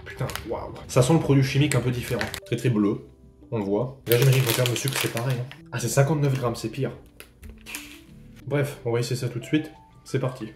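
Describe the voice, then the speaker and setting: Over music, a French snack vlogger talks a little fast, at a medium pitch with fairly even intonation, tasting food casually, swearing offhand and thinking aloud. The recording has a roomy echo and faint background ambience.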